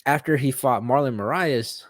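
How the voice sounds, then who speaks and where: A man's voice: medium pitch, normal speed, no echo. A man guest in a casual interview, telling stories in a rambling way with lots of fillers and swearing. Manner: rambling, profane storytelling with many fillers. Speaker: guest fighter.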